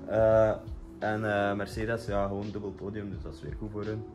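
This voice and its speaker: A man's voice: fairly low pitch, level tone, moderate pace, over music. A young man with a Flemish accent chatting casually to his vlog in a laid-back, slangy way, sprinkling in English words, recorded on a phone at arm's length. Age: young adult. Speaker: vlogger. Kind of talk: casual daily vlog chat.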